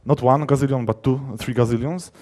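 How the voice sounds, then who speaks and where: A male conference speaker who develops software talks a little fast, his voice mellow and relaxed at an ordinary male pitch. His informal technical explanations emphasize key words. He repeatedly halts partway through sentences and restarts them with new wording.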